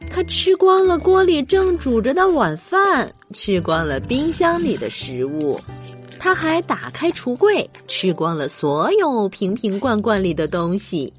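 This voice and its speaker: A woman tells a bedtime story to children as its host. Her voice is high and lively in pitch, with expressive storytelling over soft music. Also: unhurried. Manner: expressive, addresses children with questions.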